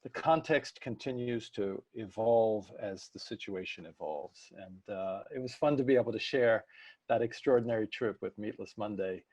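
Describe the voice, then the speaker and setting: A man with a low, mellow voice co-hosts an online cooking session. He talks with enthusiasm and stops to reflect. The sound is dry, with no room echo. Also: moderate pace, slightly rough. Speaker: webinar co-host. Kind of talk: casual online talk.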